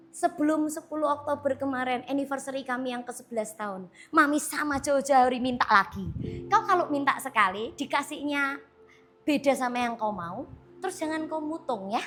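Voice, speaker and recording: A woman's voice: high-pitched, moderate pace, faint music behind. A woman pastor in her thirties giving a sermon with a personal testimony, telling it casually and acting out conversations. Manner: animated storytelling, acting out dialogue; casual, chatty.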